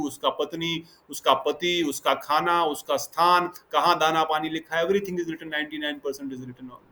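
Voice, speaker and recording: A man with a slightly high voice teaches a devotional scripture class, moving through stories and explanations. He switches freely between Hindi and English and turns to his students with questions. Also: sharp tone.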